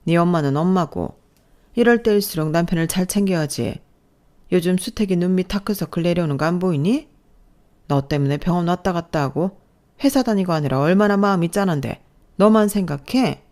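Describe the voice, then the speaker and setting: A woman's voice: fairly low pitch, lively intonation, fairly quick, a little mellow, lightly acted. A woman voicing a snobbish, scornful older mother-in-law who scolds and belittles. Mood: scornful scolding. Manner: contemptuous, scolding.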